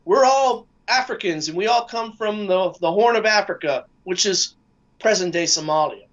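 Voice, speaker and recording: Man, high voice, halting speech with fillers, dull lo-fi sound. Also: fairly bright tone. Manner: halting, many restarts and fillers. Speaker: guest. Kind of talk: casual discussion.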